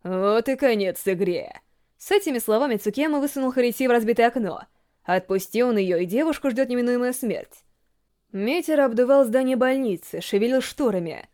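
A woman narrating a horror story in measured scripted storytelling. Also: on the high side, mellow. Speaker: audiobook narrator.

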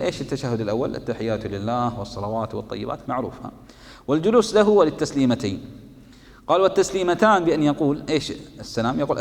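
Explaining a fiqh text to his students, a man reads lines aloud and then breaks them down in colloquial terms, regularly raising questions only to answer them himself. He teaches jurisprudence, speaks in a mid-range voice, and sounds like he's in a large room.

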